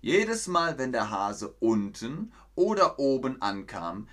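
A man's voice: medium pitch, very animated, slow. A man teaching German on a live stream, reading a fairy tale aloud, explaining words and greeting viewers from the chat. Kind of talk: slow storytelling lesson with chat replies.

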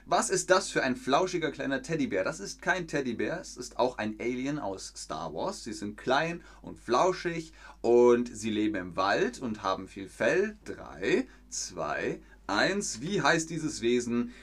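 Man hosting a live fan stream, casual chatter, reads viewer comments aloud, hesitant fillers, mid-pitched voice. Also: very animated, measured pace, a bit bright, husky.

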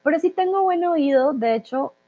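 Reading viewers' questions aloud, a talkative woman from Colombia answers them during a live language chat, filling gaps with many "eh"s. She sounds a little high, expressive and at a normal speed, through thin, narrow, phone-like audio.

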